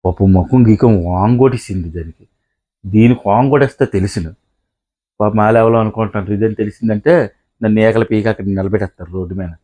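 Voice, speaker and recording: A middle-aged man performs a husband in a homemade comedy sketch. His voice sits fairly low, and he swings between loud scolding and muttering complaints to himself. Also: fast.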